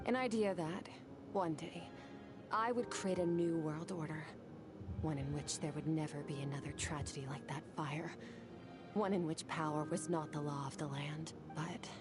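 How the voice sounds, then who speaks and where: Low, guarded swordswoman Skirk. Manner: quiet, measured, often half-whispered. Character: reserved young swordswoman, calm and guarded. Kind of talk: video game voice acting.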